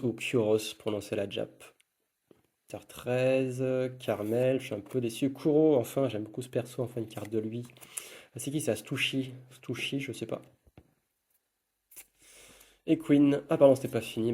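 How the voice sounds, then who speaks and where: A man's voice: medium pitch, normal speed, pauses often, mellow. A man giving casual running commentary while opening trading card packs, murmuring card names one after another.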